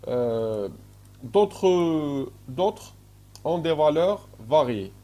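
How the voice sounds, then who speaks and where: A man's voice: on the high side, expressive, dark tone. A man with an Algerian French accent giving a recorded university lecture, hesitating often and checking in with his students. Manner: slow, checks in often with "d'accord?", many hesitations.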